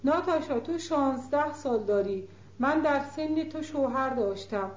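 A woman reading aloud gives voice to an aging countess, loving but anxious, warning her daughter patiently. The voice sits fairly high. The recording is echoey and muffled, with a lo-fi dullness. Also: animated. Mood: gently warning. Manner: gently reasoning, affectionate. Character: older mother countess, gentle but worried. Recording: roomy, dull lo-fi recording.

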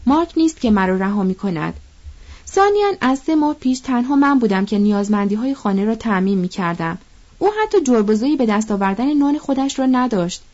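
A woman's voice: fairly high pitch, lively intonation, darkish tone, dull audio. A woman reading an audiobook, voicing a proud, defiant young mother who speaks bitterly. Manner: bitter and fiery.

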